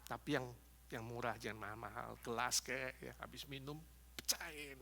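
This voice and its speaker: A man preaching a Sunday sermon in a church, animated and jokey, slipping into quick acted asides and laughing at his own examples. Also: medium pitch, vocal fry, slight background noise. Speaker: pastor. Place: church in Los Angeles.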